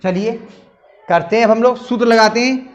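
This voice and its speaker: A man's voice: very high voice, normal speed, muffled recording. A man teaching a classroom maths lesson, patiently quizzing his students.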